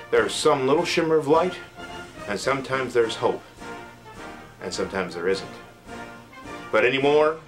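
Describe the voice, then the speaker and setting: A man's voice: a little high, a bit bright, pitched above the performer's own voice, poor audio. A man playing a grandiose male president giving a televised address, in a solemn, sweeping speech-making manner.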